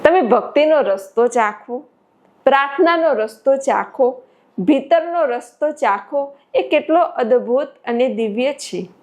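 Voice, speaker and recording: Slow, high-voiced woman preaching. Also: lively intonation. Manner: slow, measured, repeats phrases for emphasis. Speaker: spiritual teacher. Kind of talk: devotional sermon.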